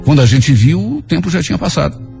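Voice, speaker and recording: A man reading a glib, calm boyfriend. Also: a little high, fast, vocal fry, music in the background, exaggerated voice. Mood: calm, soothing. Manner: calm, soothing. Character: smooth-talking young boyfriend, calm and glib.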